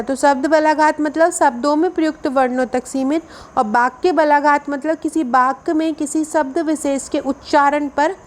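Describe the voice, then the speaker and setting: High-voiced woman teaching grammar. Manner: explains step by step and repeats key definitions. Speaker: exam coaching teacher. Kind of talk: explaining Hindi grammar for an exam.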